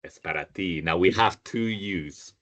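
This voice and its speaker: Guy with a really low voice teaching spanish online, repeats everything back, patient. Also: measured pace, a bit bright. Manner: patient, repeats learners' answers. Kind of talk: online group language lesson.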